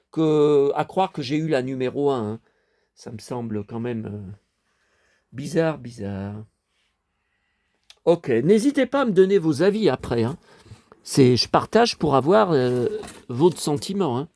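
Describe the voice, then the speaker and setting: A man with a slightly high, darkish voice casually shows his toys to viewers, rambling and chatting straight to the camera.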